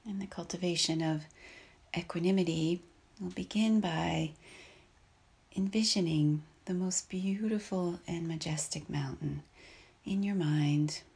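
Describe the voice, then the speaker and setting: Guiding a meditation, this woman has a low, gravelly voice with a husky edge and speaks softly and breathily. Her delivery is very slow, calm and unhurried, with long, measured pauses between phrases.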